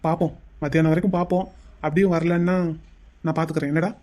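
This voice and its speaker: A woman's voice: deep voice, fairly even intonation, fast, dark tone, lightly acted. A woman voicing a young husband in a cartoon, chatting casually with his wife.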